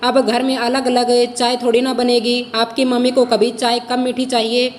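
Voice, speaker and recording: A woman voicing a sharp-tongued young daughter-in-law in a storybook reading, with a scolding manner. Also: on the high side, flat delivery, moderate pace, in a large hall, natural voice.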